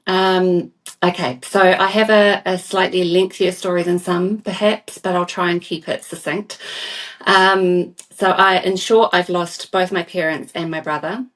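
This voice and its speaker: Low-voiced woman from New Zealand. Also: steady tone, a little slow, far from the mic. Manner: soft-spoken, earnest, repeats words as she starts a thought. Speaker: guest. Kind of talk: podcast interview.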